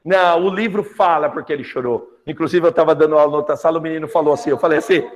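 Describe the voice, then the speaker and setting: Animated Brazilian man teaching literature. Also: racing, dull audio. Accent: Brazilian Portuguese. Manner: lively, acts out characters' lines with big pitch jumps. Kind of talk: animated lesson retelling a novel. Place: classroom. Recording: long reverb.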